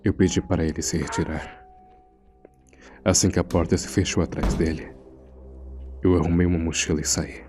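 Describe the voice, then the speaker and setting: Speaking in a low, mellow voice close to his everyday one, the man keeps a fairly even intonation and moderate pace, pausing often as faint music plays. He is an uneasy morgue assistant telling a frightening secret, a grave, suspenseful scripted horror narration in the first person.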